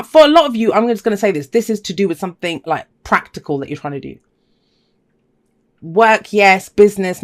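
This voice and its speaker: Tarot reader chatting to viewers, eager and talky, lots of you know and right. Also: mid-range voice. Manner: enthusiastic, emphatic repetition, chatty asides. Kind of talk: casual spoken tarot reading to viewers.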